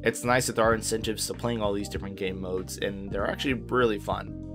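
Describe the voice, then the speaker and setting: A man's voice: fairly low pitch, fairly even intonation, brisk, music in the background. A man narrating a casual video game guide as host, informal, easygoing and reassuring in how he talks.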